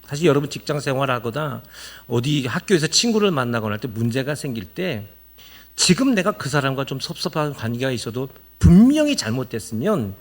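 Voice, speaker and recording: A man's voice: mid-range voice, brisk. A man preaching a sermon as pastor, earnest and urging, often acting out the voices of church members. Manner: animated, acts out quoted voices of church members; earnest, explaining and urging the congregation.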